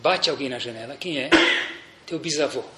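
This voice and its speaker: A rabbi teaching a Torah class gives a religious lecture in a mid-range voice at normal speed, animated and full of anecdotes as he speaks straight to his audience. He is in a room with a seated audience. The recording is echoey, with slight background noise.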